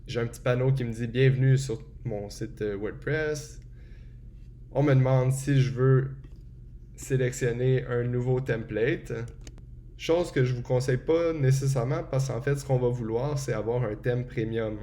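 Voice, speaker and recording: A man walks through a software setup step by step in a relaxed tutorial, often pausing with hesitations. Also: medium pitch, slight background noise. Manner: relaxed and explanatory, frequent hesitations. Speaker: tutorial presenter. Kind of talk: screen-recorded software tutorial.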